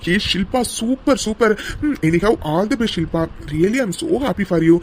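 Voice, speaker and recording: A playful, protective young man in an animated story, voiced by a performer, teasing and reassuring in a middle-pitched voice. A faint hiss of noise sits under his lines. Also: slow pace. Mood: friendly. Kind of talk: animated cartoon story dialogue.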